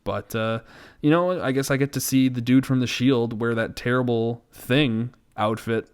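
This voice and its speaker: Speaking at a moderate pace with a clean, mid-range voice, a male podcast co-host riffs comedically on movies. His banter is casual, self-mocking and playfully exasperated.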